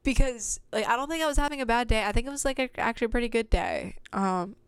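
A woman's voice: a little high, quick pace, clear, resonant tone, no room sound. A young woman hosting a podcast, telling her own work stories in a casual, chatty monologue full of fillers and little laughs. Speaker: podcast host.

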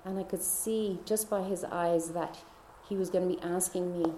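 A woman speaker recounts her faith testimony casually and easily, often laughing and sometimes slipping into soft whispers. She has a warm, mellow, slightly low voice with fairly even intonation and normal speed. The room is echoey, with slight background noise.

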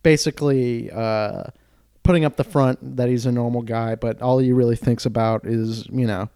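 A young man co-hosting a casual podcast, talking through a film in a loose, rambling way full of fillers. His voice is warm and mellow, recorded close and dry with no room sound. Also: mid-range voice, steady tone, normal speed, clear, resonant tone, no echo. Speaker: podcast co-host.

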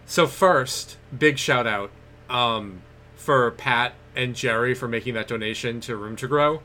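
A man co-hosts a podcast with casual, slangy banter and emphatic phrasing. His voice is bright and forceful, sitting at a middle pitch. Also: measured pace. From North Shore, Massachusetts. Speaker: podcast co-host.

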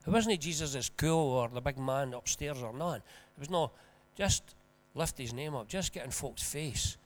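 A man with a broad Scottish accent preaching informally, telling stories in an earnest, colloquial and animated way. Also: medium pitch, normal speed. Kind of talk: informal conversational sermon with storytelling.

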